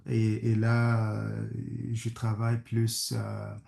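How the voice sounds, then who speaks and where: A French man from Kenya whose first language is English, a conflict studies professor, guest-speaks in a hesitant webinar presentation. His gravelly, fairly low, dark voice is completely flat, and he halts often, with many fillers and restarts. He's on a video call in an echoey room.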